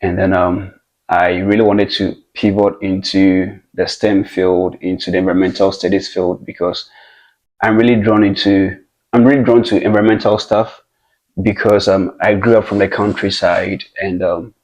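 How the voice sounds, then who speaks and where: A young man from Ghana, a guest in a casual interview, speaking in a measured, reflective way with many hesitations. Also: low voice, flat delivery, a little mellow, highs cut off. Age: young adult.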